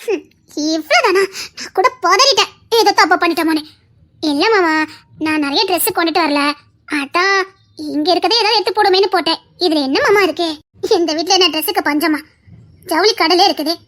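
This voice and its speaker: Brief: woman voicing a spirited young wife, very high and bright-pitched, teasing and defiant, audio drama. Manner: quick, teasing and emotional. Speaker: voice actor in an audio serial. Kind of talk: Tamil audio drama acting.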